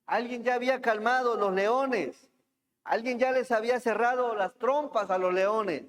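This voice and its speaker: Speaking unhurriedly in a very high, slightly bright voice, a male pastor delivers a sermon, putting questions to the congregation and reading scripture aloud. He is in a church hall, and the sound carries a long hall reverb.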